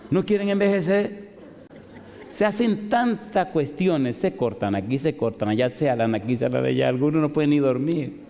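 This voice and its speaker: A male pastor preaching a sermon, telling a story with animated delivery and rhetorical questions to the congregation. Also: fairly high pitch, moderate pace. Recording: long reverb of a large hall.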